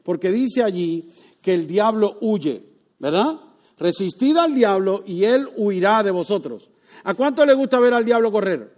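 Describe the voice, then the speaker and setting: A man preaching a sermon, moving between loud emphatic lines and hushed ones, asking his listeners questions and acting out voices. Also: high voice, lively intonation, a little slow. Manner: asks the congregation questions, acts out voices. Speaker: pastor.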